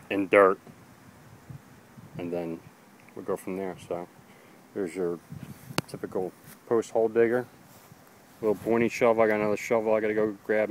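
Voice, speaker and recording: Out in his backyard, an amateur radio hobbyist and DIY video maker casually narrates a how-to project, plainly walking through each step with fillers. Tired from digging, he sometimes stops to catch his breath. His voice is fairly low, and the low-quality recording carries slight background noise.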